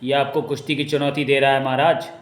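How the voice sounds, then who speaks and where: A man's voice: medium pitch, flat delivery, fairly quick, close to an everyday voice. A man voicing a cunning, rude male schemer at a royal court who mocks everyone. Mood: scheming. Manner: cheeky, mocking. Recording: echoey room.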